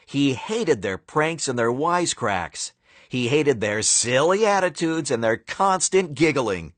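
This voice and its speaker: A man narrating a children's storybook in a playful, animated way, with dramatic pauses. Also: medium pitch, no room sound.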